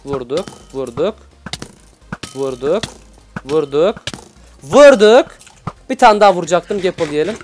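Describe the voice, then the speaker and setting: A young man from Adana giving excitable, slangy live commentary over a video game for his channel's viewers. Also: fairly high pitch, normal speed, pauses often, slight background noise. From Adana, Turkey. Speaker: gaming YouTuber.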